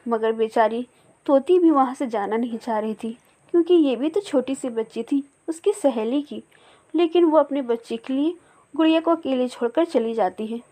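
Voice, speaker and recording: Storyteller woman with a high voice, expressive children's story narration. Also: normal speed.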